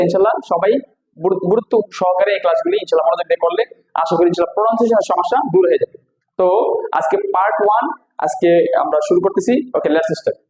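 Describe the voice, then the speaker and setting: A man from Bangladesh giving a spoken pronunciation lesson, repeating words slowly and quizzing his viewers. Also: high voice, a little mellow. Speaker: English teacher. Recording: roomy, dull lo-fi sound.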